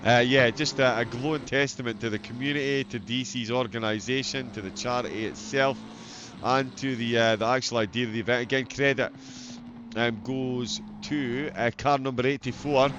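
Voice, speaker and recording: A man's voice: mid-range voice, fairly even intonation, moderate pace, muffled recording, noisy background. A man with a broad Scottish accent giving live motorsport commentary in a wry, chatty, amused way. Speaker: sim racing livestream commentator.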